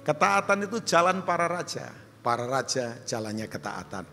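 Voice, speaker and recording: A male pastor preaching a sermon, animated and humorous, jumping high for questions and quoted voices and dropping low and soft for appeals. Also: normal speed, soft background music. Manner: humorous storytelling with asides to the congregation. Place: large church hall. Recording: long hall reverb.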